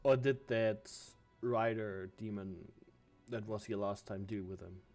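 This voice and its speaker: A man's voice: fairly low pitch, fairly even intonation, measured pace, darkish tone, soft background music. A man chatting casually as a player in a tabletop game, often hesitating and restarting.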